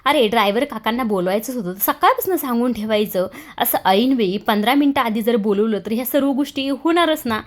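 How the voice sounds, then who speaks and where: A woman's voice: on the high side, lively intonation, a little fast, close to an everyday voice. An irritable young man, as a woman narrator reads his lines. He scolds with a raised voice. The voice stays that of a plain storytelling read. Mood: scolding.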